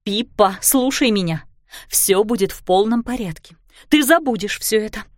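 A woman voicing a stepmother who coaxes and firmly calms a frightened girl. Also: medium pitch, moderate pace, no room sound, clean studio sound, close to an everyday voice. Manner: coaxing, then commanding. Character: firm, soothing young stepmother.

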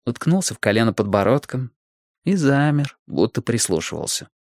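Man, story narration, animated pitch, dry close sound. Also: normal speed, dry recording. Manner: animated storytelling, voicing characters. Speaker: audiobook narrator. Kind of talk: scripted narration.

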